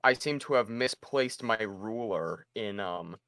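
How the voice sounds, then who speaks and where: A man's voice: lowish voice, measured pace, gravelly, a bit bright. A man playing a tabletop game, joking with dry sarcasm. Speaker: player. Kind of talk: casual tabletop play.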